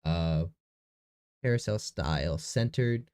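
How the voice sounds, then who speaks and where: In a casual screen-recorded vlog, a young man preps a tabletop game session in his bedroom, talking to himself, rambling and self-correcting as he thinks aloud. His deep, nasal voice is expressive, slightly mellow and clean-toned, and he speaks slowly over a faint room echo.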